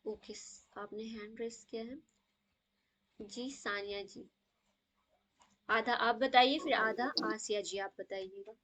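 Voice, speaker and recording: A woman's voice: a little high, steady tone, pauses often, fairly bright tone. A woman teaching a live online tajweed class over a video call. She keeps checking in with "okay?" and mixes in English words.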